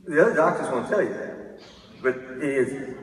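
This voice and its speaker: A man's voice: on the high side, lively intonation, normal speed, a little hiss or hum. A man in his fifties giving a candid, self-deprecating keynote talk, often restarting his sentences. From Texas. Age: 50s. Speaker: keynote speaker. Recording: echoey hall from a distance.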